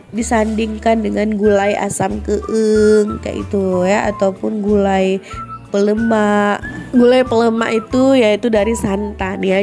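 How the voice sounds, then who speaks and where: A woman's voice: medium pitch, a little mellow. A woman with a congested, nasal sound from a head cold, chatting as a friendly home vlogger to fellow mothers. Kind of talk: chatty vlog voice-over narration. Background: music.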